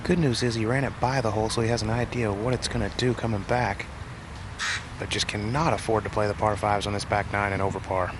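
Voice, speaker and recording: A man's voice: fairly low pitch, fairly even intonation, fast talker. A man giving live golf commentary on how the players are doing. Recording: clear outdoor noise behind the voice.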